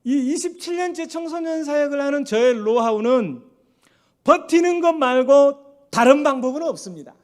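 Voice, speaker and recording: A middle-aged man preaching a sermon in a church with a Jeolla accent, telling stories in an animated way that swings between loud and hushed. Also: very high voice, normal speed. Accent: Jeolla Korean. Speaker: pastor.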